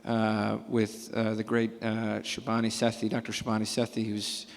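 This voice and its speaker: A man on a conference panel answers in an even, nearly monotone voice, matter-of-fact as he lists numbers. A long hall reverb trails his words. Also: lowish voice, moderate pace, creaky. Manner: matter-of-fact, listing figures. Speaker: panelist physician. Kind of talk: panel discussion.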